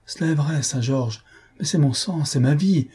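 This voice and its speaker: A man's voice: a little high, moderate pace, warm tone, slightly rough, pitched above the performer's own voice. A man voicing an aging nobleman who pleads in anguish as a desperate father. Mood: pleading.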